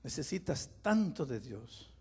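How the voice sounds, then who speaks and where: A man, a pastor, preaching a dramatic sermon, moving from quiet storytelling to loud impassioned pleading and putting questions straight to his listeners. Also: mid-range voice, big pitch swings, a little slow, breathy edge. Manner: speaks to listeners directly with questions.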